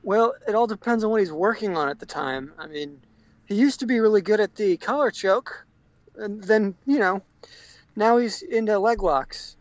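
A man talking over a phone on speakerphone from a parked car, easygoing and good-natured in casual chat, sometimes halting over his words. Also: high-pitched, dry recording. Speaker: jiu-jitsu student, friend of a guest. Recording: muffled, dry phone-speaker sound.

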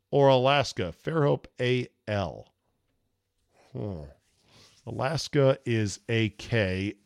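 A man's voice: mid-range voice, clean tone, no room sound, studio quality. A man in his fifties hosting a podcast, talking in a laid-back, freewheeling way and reading aloud. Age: 50s. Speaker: podcast and sports radio host. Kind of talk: freewheeling solo podcast talk, reading listener emails.

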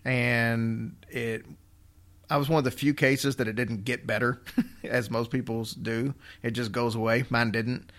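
A man's voice: medium pitch, little pitch movement, a little slow, a bit bright. Man, casual storyteller, wry humor, slightly slurred one-sided mouth, occasional whistle and lip smack. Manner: joking, wry. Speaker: podcast host.

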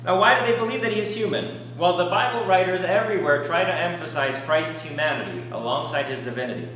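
A man's voice: on the high side, quick pace, a bit bright, a little hiss or hum. A man from America teaching a class, asking the students questions and adding wry asides. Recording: very echoey room.

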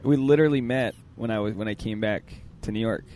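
A man with a smoky, raspy voice hosting a casual interview, rambling and joking at his own expense, recorded outdoors in a park. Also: on the low side, quick pace, a little mellow, slight background noise. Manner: rambling, self-deprecating, jokey. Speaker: podcast host.

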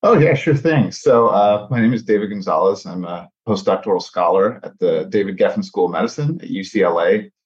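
A very low-voiced man in his thirties, an air pollution scientist born in Mexico and raised in South Texas, chats casually as a podcast guest. He is friendly and animated, talking a little fast with hardly any pauses and plenty of "uh" fillers. The recording is a little dull and lo-fi.

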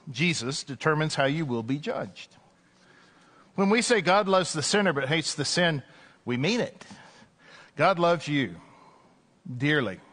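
This fairly high-pitched male voice belongs to an Anglican priest giving a sermon into a church pulpit microphone. He talks casually, mixing in mild humor and "uh" fillers.

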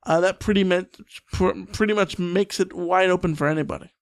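A man hosting a sports podcast in casual chat, reading out listener messages in a quick, relaxed manner. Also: high-pitched, clear, resonant tone.

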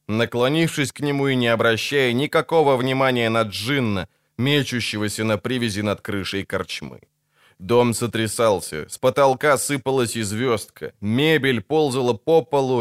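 A man narrating an audiobook in a dramatic, expressive reading style. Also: mid-range voice, clear, resonant tone, dry recording, studio quality.

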